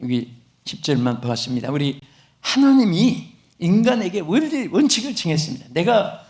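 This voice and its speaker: An older man preaching a sermon as pastor, dramatic and animated, acting out voices in his stories and calling out to the congregation. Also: sits high, normal speed. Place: large church sanctuary. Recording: echoey church hall.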